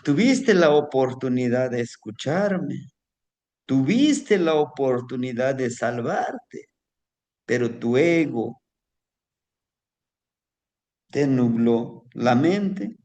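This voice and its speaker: A man's voice: medium pitch, lively intonation, takes it slowly, long pauses, a little mellow. A man voicing a wise, patient male donkey who earnestly warns his friend in a told folk tale. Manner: earnest, admonishing.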